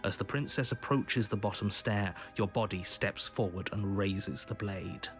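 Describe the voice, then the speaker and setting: An actor playing a stern, disapproving narrator in a video game, telling the tale gravely with exasperation. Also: male voice, fairly low pitch, a little slow, faint music behind. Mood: stern, insistent.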